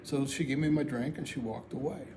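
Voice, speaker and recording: Clearly audible background noise runs under this casual, folksy monologue from a middle-aged or older American man telling a personal story for an amateur video. He talks briskly and plainly in a steady, mid-range voice.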